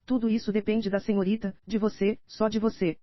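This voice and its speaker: Close to her everyday voice, this Brazilian woman reads a scheming older nobleman's lines flatly and briskly in a mid-range register. The audiobook recording has no echo; the tone is pleading and insistent, steady, slightly dull and dry, with a Brazilian Portuguese accent.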